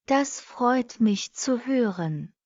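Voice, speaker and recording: A woman reads short practice sentences for learners at a very unhurried crawl, repeating each one. Her voice sits a little high, and the recording is dry and slightly dull. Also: lively intonation, darkish tone, dry recording. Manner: reads each sentence twice, very slowly and evenly. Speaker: language lesson reader. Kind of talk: slow repeated phrase reading for learners.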